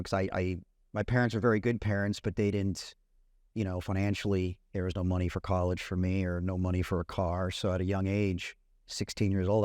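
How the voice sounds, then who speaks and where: A low-voiced celebrity content creator in his thirties, from a Puerto Rican family and raised in California, chats as a guest in a casual interview. He sounds relaxed and easygoing, often saying "you know" and "man." The recording is dry and close, with no room sound or echo.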